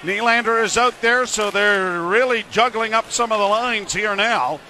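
Male hockey play-by-play commentator. Rapid running call, high voice, forceful bright edge. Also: slight background noise.

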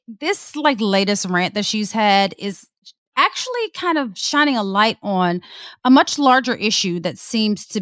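A woman co-hosting a podcast, talking in a casual, sarcastic way with a very lively, swinging pitch. Her voice sounds dry and close, with no room around it. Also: no echo. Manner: sarcastic, animated commentary. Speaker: podcast co-host.

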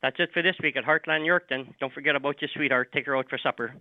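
A man's voice: medium pitch, quick pace, no echo. Dull-sounding man, radio farm report. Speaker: livestock market reporter. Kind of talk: radio farm report, reading auction prices.

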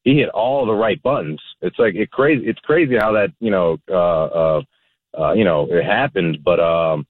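A man calling a sports radio show over a phone line, talking casually in a halting, repetitive, exasperated way. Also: deep voice, dry recording. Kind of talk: casual sports fan talk. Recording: narrow, tinny phone line.

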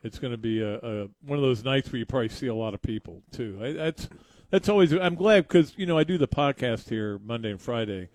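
A man co-hosting casual live radio, rambling and often repeating himself haltingly. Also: medium pitch, expressive, darkish tone, no room sound. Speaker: radio co-host.

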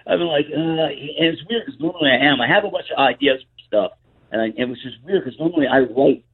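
A man's voice: a little high, fast, crowd noise. A man talking over the phone from home in a casual interview, wry and gloomy in a self-mocking way. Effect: heard over the phone. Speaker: guest musician. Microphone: phone, later on speakerphone. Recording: tinny muffled phone line.

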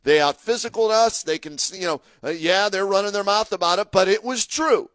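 With a high, fairly bright voice and a fairly quick delivery, this man co-hosts sports talk radio, chatting easily and then getting emphatic and fired up over a point he's arguing. The recording has no echo.

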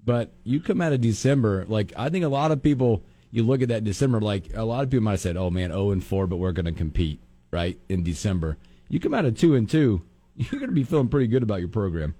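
A man's voice: medium pitch, sing-song, quick pace, warm tone, breathy edge, dry recording. A man hosting a radio sports talk show in a joking, playful way. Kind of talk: casual radio chat.

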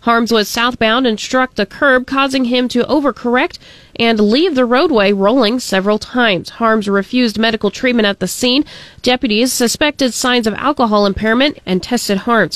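A woman reads the news bulletin for a radio network. Her voice sits a little high, and her delivery stays steady and clear. The sound is dry and close to the mic. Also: normal speed, dry recording.

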